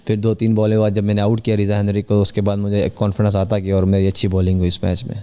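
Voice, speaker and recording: A young man from Pakistan speaks as a podcast guest in a low, mellow and smooth voice. He keeps an even, flat delivery. His earnest answers are measured and broken by hesitant fillers. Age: young adult. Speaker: cricketer guest. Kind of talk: podcast interview.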